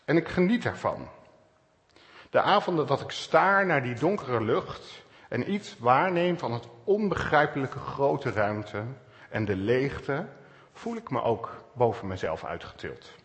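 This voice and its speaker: A man preaching a calm, searching sermon, with pauses and stresses. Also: medium pitch, big-room sound. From Netherlands. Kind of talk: reflective sermon.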